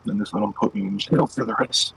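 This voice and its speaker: A man's voice: lowish voice, lively intonation, fast, vocal fry, a bit bright, slight background noise, poor audio. Young man swearing casually from his car. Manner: loose, profane, rambling storytelling. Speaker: streamer. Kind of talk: casual chat while gaming and driving.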